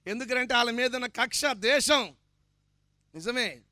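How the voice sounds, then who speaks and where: A man's voice: extremely high pitch, moderate pace, no echo, clean studio sound. A man preaching a sermon with fervent emphasis, asking the congregation to answer back. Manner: fervent, emphatic preaching that swells to loud declarations; asks the congregation for responses.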